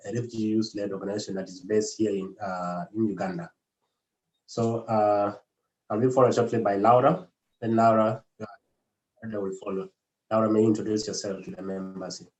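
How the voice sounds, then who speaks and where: Guy running an online workshop, kinda low voice, lots of uhs, echoey room. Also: steady tone, brisk, darkish tone, dull audio. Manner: hesitant, many fillers. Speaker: workshop facilitator.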